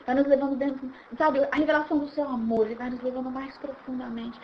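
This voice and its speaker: A woman leading an informal Bible study, animated and acting out scenes as she explains. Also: high voice, fast, dull audio, slight background noise. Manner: animated, acts out scenes, repeats words while restarting.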